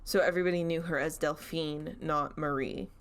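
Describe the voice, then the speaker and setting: A woman's voice: low voice, steady tone, moderate pace. A young woman co-hosting a podcast, telling a story in a chatty, casual way with giggly asides.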